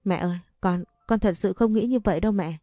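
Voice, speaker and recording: A woman's voice: mid-range voice, fairly quick, dark tone, dry recording, clean studio sound, close to an everyday voice. A woman voicing a young wife who begs and stammers through tears in a storybook reading. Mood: pleading. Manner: stammering, begging. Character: young wife, tearful and pleading.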